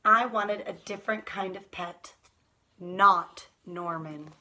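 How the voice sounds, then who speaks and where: A woman voicing a reluctant, grumbling little boy in a picture book, with emphatic, drawn-out storybook delivery. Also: on the low side, sharp tone, exaggerated voice, poor audio. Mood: disappointed, emphatic.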